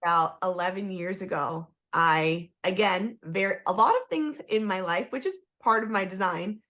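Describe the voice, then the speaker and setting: This woman, a human design coach appearing as a podcast guest, shares her story candidly and emphatically, sprinkling in lots of "like." Her voice sits at medium pitch, moderately paced and a bit bright. She's from Toronto, Canada, and was born in Trinidad and Tobago.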